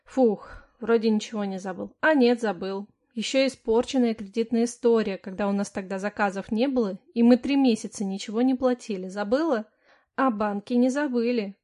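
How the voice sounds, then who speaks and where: A woman's voice: a little high, darkish tone, lightly acted. A woman reading an audiobook, voicing a tired, exasperated young husband who speaks wearily and firmly. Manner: weary, patient, firm, spoken through pauses. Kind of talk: first-person audiobook narration with dialogue.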